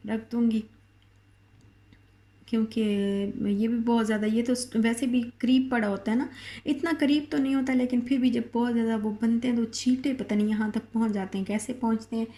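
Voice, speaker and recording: A woman's voice: a little high, fairly even intonation, moderate pace, mellow. A middle-aged woman from Pakistan with a Pakistani Urdu accent and a sore throat, chatting in a casual home vlog from her kitchen with many fillers and restarts. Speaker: vlogger.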